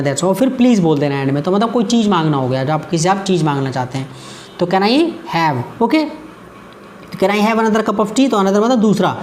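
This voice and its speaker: A woman teaching a grammar lesson in a voice of ordinary middle pitch. She circles back over each point and reads the example sentences at a slow, careful pace, with a faint hum of noise in the background. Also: a little mellow. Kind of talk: explanatory lesson.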